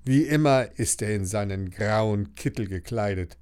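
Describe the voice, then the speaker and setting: A man narrating a children's audiobook in an expressive, storytelling manner. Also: fairly low pitch, a little slow, clear, resonant tone.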